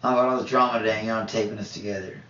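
Reality contestant man, low murmuring swearer; lo-fi, far-off room sound with hiss. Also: fairly even intonation, rapid-fire, bright, forceful tone. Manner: mumbled, profane, often drops to a low murmur. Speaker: contestant on a live reality stream. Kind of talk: casual chat. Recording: echoey room, distant from mic, dull lo-fi, clear hiss.

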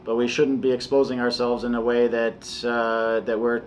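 A man in his forties, a soccer head coach, answering questions at a post-match press conference in a measured, halting way, with many restarts. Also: medium pitch, flat delivery, slight background noise. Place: press room before a sponsor backdrop.

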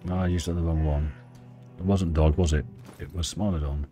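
A man doing a video game playthrough, reading text aloud and commenting in an unhurried, low-key way. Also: fairly even intonation, warm tone. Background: game music.

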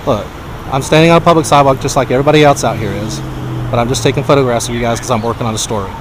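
A man's voice: mid-range voice, rapid-fire, noisy background. A man working as a journalist, standing on a public sidewalk and insistently asking police whether he is free to go. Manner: insistent, repeatedly asks if free to go. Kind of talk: street confrontation with police.

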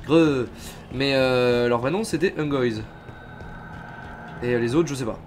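A man streaming a game live, chatting casually and reacting loudly as he plays. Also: mid-range voice, unhurried, over music. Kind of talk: live gameplay commentary.

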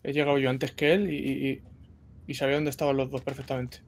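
Fast-talking man in game chat. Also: medium pitch, little pitch movement, a little hiss or hum. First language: Spanish. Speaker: gamer. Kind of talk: casual team voice chat.

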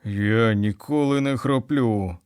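A man's voice: lowish voice, slow pace, darkish tone, clear, resonant tone, dry recording, studio quality. A man voicing a big, kind, hungry green wolf in a children's audiobook. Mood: calm.

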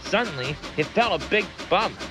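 A man narrating a children's story in an animated storytelling way, with music behind. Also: sits high, moderate pace.

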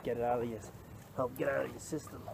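A man makes quiet, offhand remarks at a forest camp, his voice gravelly with fry. Loud rain drums around him and swamps much of the sound. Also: medium pitch, little pitch movement, fast, background noise. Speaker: camping companion. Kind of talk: casual chat at camp. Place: forest campsite outdoors.

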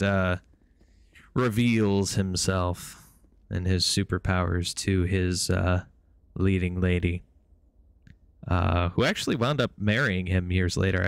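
A man's voice: deep voice, measured pace, smooth. A man chatting casually on a gaming live stream, rambling with frequent fillers and restarts.

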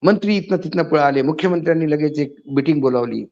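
A man's voice: fairly high pitch, fast, a little mellow. A man giving an indignant spoken editorial, his voice rising to emphatic outbursts. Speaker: political commentator. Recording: slightly dull lo-fi audio.

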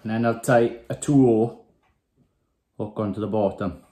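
In an echoey little room with windows, a man in his thirties from Wales demonstrates a fishing rig at his desk, recorded by a phone camera there. His voice is on the low side and unhurried, calm and plain as he ties knots in this casual step-by-step tutorial.

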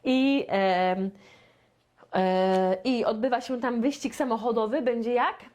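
A woman from Poland teaching a beginner English lesson, chatty and playful, stretching out her model sentences very slowly. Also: fairly high pitch, a little mellow. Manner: slow, deliberate, with very drawn-out model sentences; chatty and playful, with sound effects.

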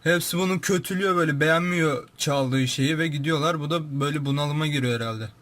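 This young YouTube host talks quickly in a slightly bright, fairly high voice. His commentary is casual, informal, and full of exclamations as he narrates what appears on screen.

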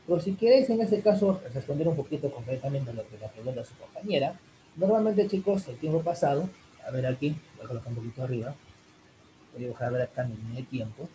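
A man teaching an online English class in Spanish, answering a student's question in a rambling way with many fillers, addressing the students warmly as "chicos". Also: medium pitch, lively intonation, fast, noisy background. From Peru. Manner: rambling, full of fillers like "en este caso" and "chicos".

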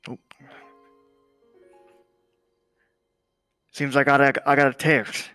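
A man's voice: mid-range voice, level tone, moderate pace, sharp tone, clear, resonant tone, no room sound, lightly acted. A man playing an intense, menacing, aggrieved music boss in an improvised crime game role-play, brooding and repeating himself for effect. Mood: stern.

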